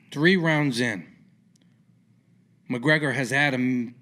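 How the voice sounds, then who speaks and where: With a medium-pitched, fairly bright voice, a man hosts a sports podcast. He interviews a guest informally, asking rambling questions loaded with his own opinions.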